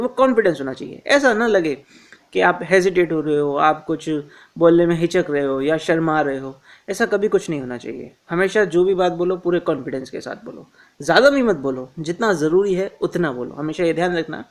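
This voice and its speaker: A man giving informal career advice to viewers, calling them friends, repeating his reminders and often pausing on filler sounds. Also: a little high. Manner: addresses listeners as friends, frequent "uh" fillers; instructive, repeats key reminders.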